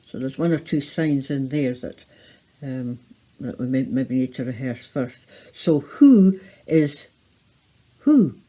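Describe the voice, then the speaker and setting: A woman presenting a children's scripture lesson with signing, deliberate and sing-song as she demonstrates word by word. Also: a bass voice, animated, mellow. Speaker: children's holiday club presenter.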